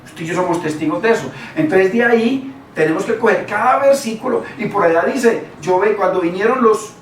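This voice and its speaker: A man's voice: high-pitched, lively intonation, brisk. A man preaching a sermon in a conversational way, repeating words and putting rhetorical questions to the listeners. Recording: echoey room, voice from far off, faint noise.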